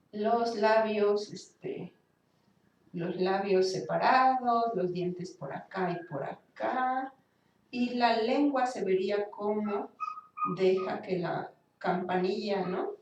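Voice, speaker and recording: Woman lecturer, fairly high voice, heard from a distance in a roomy hall. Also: a little mellow, slight background noise. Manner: explanatory, demonstrates sounds with exaggerated articulation. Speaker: speech therapy lecturer. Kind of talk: university class lecture. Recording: echoey room, from a distance.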